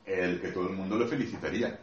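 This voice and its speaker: A man's voice: low voice, fast talker, muffled recording. A man giving a classroom lecture, explaining patiently with playful acted asides to his audience. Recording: echoey room, mic far off, faint noise.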